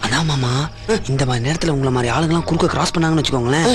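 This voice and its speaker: An actor playing a cheeky young village nephew who teases and cracks jokes. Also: male voice, medium pitch, rapid-fire, loud music behind the voice, natural voice. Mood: teasing. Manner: teasing, wisecracking. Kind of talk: film comedy acting.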